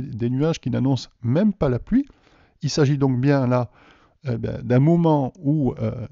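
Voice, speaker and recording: A man from France teaches a math lesson to video viewers. His voice is very dark and mellow, and his delivery is patient and explanatory as he poses questions. The recording is dry and dull. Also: medium pitch, dry recording.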